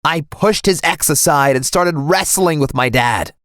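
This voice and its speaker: A young man narrating a first-person animated story in a dramatic, scripted way. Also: fairly high pitch, a little slow, no room sound, studio quality.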